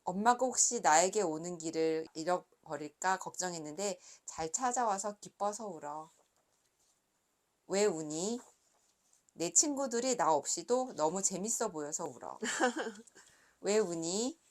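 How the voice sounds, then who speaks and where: A woman in her thirties, a picture book author, reading her book aloud gently and then chatting softly about it with light laughs. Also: lowish voice, lively intonation, measured pace.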